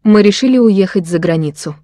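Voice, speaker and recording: A woman calmly reading translations of short phrases, one after another. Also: medium pitch, normal speed, no room sound, studio quality. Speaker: translation reader.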